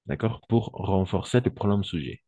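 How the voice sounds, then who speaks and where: His low, mellow voice has lively intonation as he teaches French to Spanish speakers, explaining patiently, using Spanish at points, and checking in with "d'accord?" over and over. There's no room sound, and the highs are cut off.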